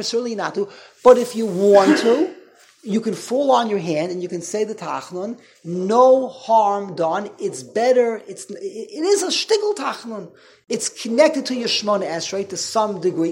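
A man teaching an informal Torah class as a rabbi, talking in an animated way and repeating himself. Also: high-pitched. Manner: animated, repetitive, mixes Hebrew and Yiddish terms.

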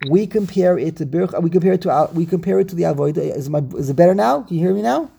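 A man teaches a religious lesson over a video call while his audio glitches and breaks up. His voice is gravelly and a little husky. He repeats the start of his phrases before he gets the point out. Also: high voice, lively intonation, mellow. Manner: explains slowly with many repeated starts. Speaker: rabbi teaching a class.

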